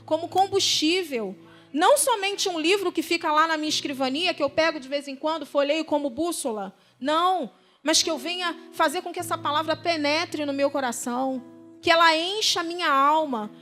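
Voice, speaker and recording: High-voiced woman preaching. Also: sharp tone. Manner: conversational preaching, often asking "right?" and "you know?". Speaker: deaconess preaching. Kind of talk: sermon. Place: church service.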